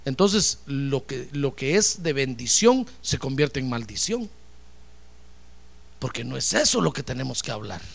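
A man's voice: medium pitch, big pitch swings, unhurried, vocal fry. A man preaching a fervent sermon, often addressing listeners as brother and acting out dialogue.

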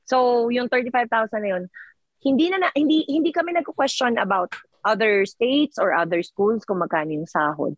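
A woman's voice: fairly high pitch, animated, moderate pace, dry recording, low-quality recording. A woman from the Philippines in her thirties, a teacher working abroad, talking animatedly in a casual chat with laughs and self-corrections.

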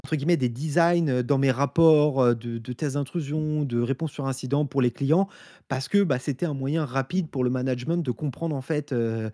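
A man who is a guest on a podcast, explaining his work casually, steady but with frequent fillers. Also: mid-range voice, normal speed, dry recording, studio quality.

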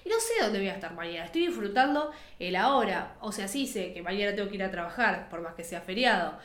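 A woman's voice: mid-range voice, animated, fast talker, fairly bright tone, reverberant. A woman with a Rioplatense Spanish accent, co-hosting a podcast and musing earnestly in casual chat. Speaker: podcast co-host.

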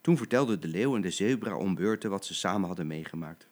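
Grandfather narrator for a bedtime story: older man, lively and animated reading. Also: low voice, fast talker.

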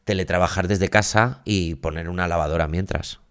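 A man in his thirties co-hosting a podcast, talking loudly in a casual, self-deprecating, animated way. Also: sits low, normal speed, smooth. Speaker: podcast co-host. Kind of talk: casual chat.

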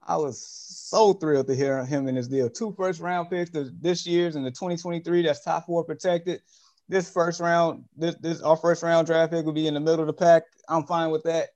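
A man's voice: fairly high pitch, fairly even intonation, normal speed, darkish tone. A man co-hosting a sports podcast in casual chat, talking conversationally and correcting himself as he goes. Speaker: podcast co-host.

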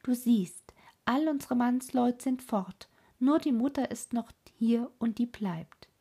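A woman voicing a bold, rough little robber girl in a storybook reading, loud and brash. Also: a little high, slow pace, pitched above the performer's own voice, exaggerated voice.

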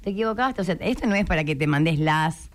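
A woman speaking with a Rioplatense accent, talking as a guest in a radio interview. She explains her ideas in a lively way and often acts out the voices of the people she quotes. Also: lowish voice, fairly quick. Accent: Rioplatense Spanish. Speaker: guest, writer and coach.

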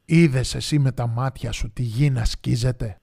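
A man voicing a commanding male lion, the king of the forest, booming orders and questioning the other animals. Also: fairly even intonation, gravelly, darkish tone, husky. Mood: probing.

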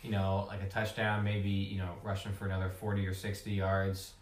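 Low voice guy rambling w lots of "like", sounds far off in a roomy echo. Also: completely flat delivery, fairly quick, slight background noise. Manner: rambling, lots of "like" and "you know". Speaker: podcast panelist. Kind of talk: casual chat about fantasy football. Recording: roomy echo, a bit off mic.

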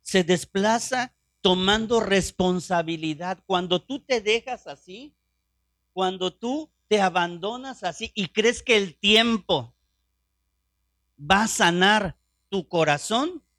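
Male preacher, middle-aged, impassioned sermon, bright sharp tone, dry close sound. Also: sits high, takes it slowly, no room sound. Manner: impassioned, rising to fervent peaks; drops to hushed prayer voice when quoting.

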